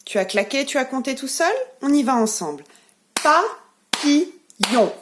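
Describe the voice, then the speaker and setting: A woman with a French accent, a preschool teacher giving a remote lesson to young children, speaking slowly and clearly with encouragement. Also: high voice, expressive, noisy background. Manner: slow, clearly articulated, encouraging.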